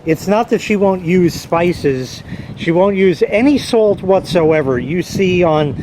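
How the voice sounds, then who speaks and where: A man's voice: high-pitched, expressive, slow. An American man rambling casually, with a profane and opinionated manner, recorded outdoors. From United States. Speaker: vlogger. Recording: loud wind and traffic noise.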